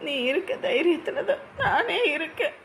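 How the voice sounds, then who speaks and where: An actress playing a young wife who grieves in a quavering, tearful voice. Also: female voice, extremely high pitch, sing-song, moderate pace, fairly bright tone, a little hiss or hum, full character voice. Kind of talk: TV drama acting.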